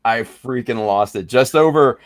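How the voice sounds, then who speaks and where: A man's voice: mid-range voice, moderate pace, no room sound. A man co-hosting a casual hobby podcast, chatting enthusiastically and rambling with many fillers. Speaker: podcast co-host. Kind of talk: casual chat.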